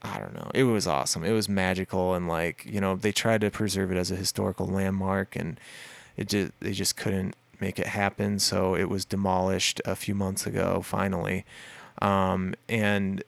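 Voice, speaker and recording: A deep-voiced man, a musician appearing as a guest in a casual interview, rambles through a story packed with fillers and restarts. His tone stays steady at a moderate pace, with a creaky texture, and the recording is dry.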